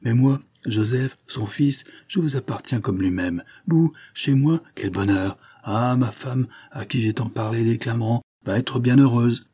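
A man's voice: medium pitch, measured pace, few pauses, warm tone, slightly rough, voice pushed up. A man voicing an eager, devoted male servant in his forties, talking in effusive exclamations. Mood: overjoyed.

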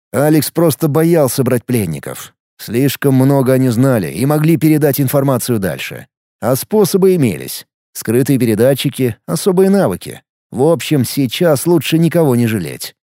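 A man narrating an audiobook with expressive storytelling and a lively, moving pitch. His voice is somewhat high with a gravelly edge. The recording is dry and close. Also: normal speed, no echo. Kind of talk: scripted narration.

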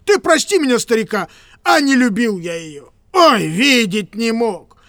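A woman's voice: on the high side, sing-song, measured pace, a bit bright, no echo, studio quality, heavily acted. A woman voicing a fussy, grumbling old male clerk who rambles and stammers in an audiobook reading.

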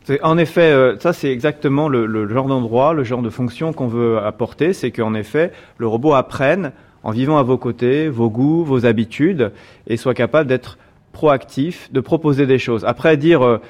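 A man's voice: medium pitch, normal speed, darkish tone. A man, a robotics engineer, explaining in an interview, hesitant with many fillers.

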